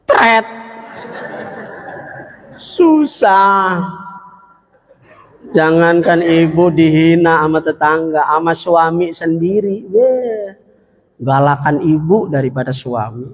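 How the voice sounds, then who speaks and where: Male preacher, humorous sermon, slightly high voice, unhurried delivery, echoey mosque hall. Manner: jokey, acts out little dialogues; quotes Arabic verses in a drawn-out chant.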